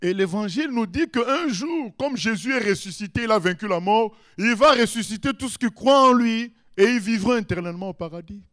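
Brief: an animated man preaching with a high, swooping voice. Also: brisk, hardly any pauses. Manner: emphatic, animated, with sudden rises. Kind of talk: sermon.

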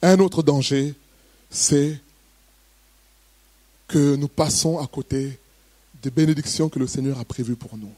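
A man's voice: a little high, fairly even intonation, unhurried, pauses often, warm tone, dry recording. A man preaching a sermon, first reading a Bible passage steadily, then preaching with emphatic, rising bursts.

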